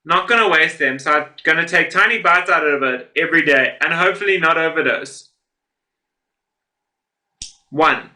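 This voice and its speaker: A man's voice: a little high, moderate pace, long pauses, pushed and bright. A man hosting a reaction video, reading posts aloud and commenting in a casual, rambling way, often laughing to himself. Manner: rambling, with many fillers and self-corrections.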